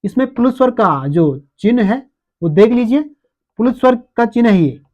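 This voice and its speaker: A man's voice: very high voice, expressive, moderate pace, darkish tone, highs cut off. A man with an Uttarakhand Hindi accent teaches an exam-prep lesson and keeps answering his own questions.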